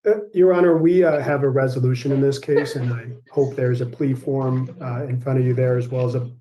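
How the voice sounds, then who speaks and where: A man speaking as an attorney, formally and a little haltingly addressing the judge in a courtroom recording. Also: medium pitch, fairly even intonation, warm tone, dull audio.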